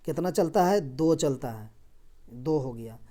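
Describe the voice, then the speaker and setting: Man teaching exam reasoning with a mellow voice. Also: on the high side, animated, measured pace. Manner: repetitive teacherly explaining with rhetorical questions. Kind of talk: reasoning lesson explained step by step.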